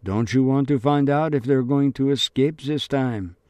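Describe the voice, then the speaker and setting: A man's voice: medium pitch, normal speed, mellow, no echo, pitched above the performer's own voice, close to an everyday voice. A man voicing an anxious great-uncle coaxing his niece to keep reading, in an audiobook. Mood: urging.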